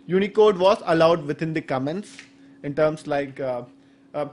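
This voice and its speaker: In a medium-sized indoor conference room, a man in his thirties gives a technical talk through a stand microphone at the podium. He has an Indian accent, speaks Saurashtra natively, and explains things hesitantly with lots of fillers. His voice leans high and his pace is moderate.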